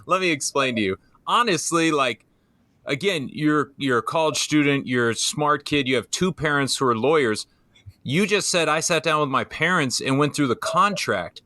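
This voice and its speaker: A man's voice: on the high side, animated, moderate pace, pushed and bright, dry recording. A man hosting a podcast interview, talking casually and upbeat and calling his guest brother. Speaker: podcast host.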